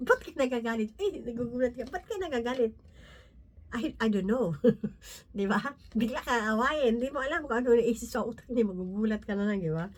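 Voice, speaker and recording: Speaking in a medium pitch, a woman delivers a casual Bible talk as a lay preacher. Her style is conversational, full of tag questions, false starts and gentle laughter, and she reads scripture from her notes at a slow pace.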